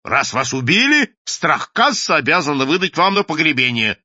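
A man voicing a hot-tempered, pompous office boss who brushes off an employee in officious, loud tones. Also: fairly high pitch, sing-song, normal speed, no echo, muffled recording, full character voice. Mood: dismissive.

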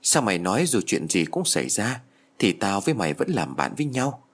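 Brief: ghost of a dead schoolgirl friend, insistent, husky low voice, read by a male narrator. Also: big pitch swings, fairly quick.

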